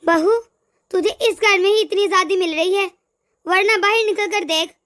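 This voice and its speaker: A woman's voice: very high voice, normal speed, fairly bright tone. A woman voicing a harsh, domineering older aunt in a cartoon, who talks in a scolding, commanding way. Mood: bossy scolding.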